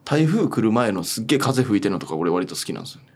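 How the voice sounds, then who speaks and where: A man co-hosting a podcast, answering quickly in a polite yet casual, agreeable way. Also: fairly low pitch, big pitch swings, darkish tone. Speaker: podcast co-host. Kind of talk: casual banter.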